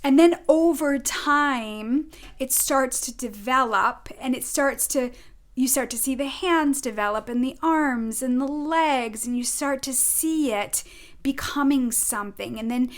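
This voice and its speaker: A high-pitched woman with a Rhode Island accent speaks at a measured pace. Acting as a spiritual advisor, she delivers an earnest, effusive weekly oracle card reading in an informal monologue of spiritual guidance.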